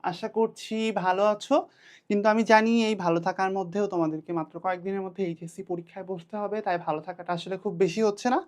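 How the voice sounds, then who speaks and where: A woman's voice: mid-range voice, fairly even intonation, fast, darkish tone. A young woman with a Bangladeshi Bengali accent teaching an exam-prep lesson, talking to students in a direct, urgent way.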